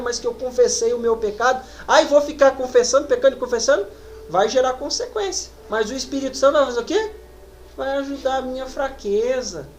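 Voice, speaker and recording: A woman with a Brazilian Portuguese accent preaches a sermon in a high voice. She reads scripture slowly and then presses her points with rising emphasis. A faint hum of noise sits behind her. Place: church.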